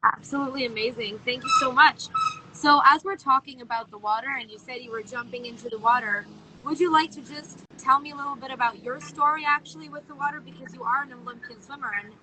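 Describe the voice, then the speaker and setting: A woman's voice: high-pitched, fast. A woman interviewer from a sports charity, talking outdoors by the sea in an upbeat, explanatory way. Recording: faint outdoor noise by the sea.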